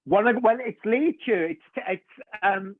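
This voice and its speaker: A chatty man, a wig designer, talking on a live stream over a video call. His voice sits a little high and comes through a thin, dry, phone-like line with no room sound at all. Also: normal speed, dry recording. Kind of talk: casual livestream chat.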